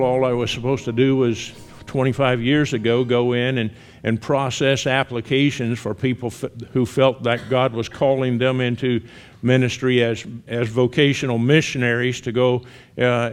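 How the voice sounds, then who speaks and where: A man in his sixties with a Southern US accent gives a testimony talk as a missionary guest speaker at a church. His mid-range voice is plain and conversational, with some gentle humor.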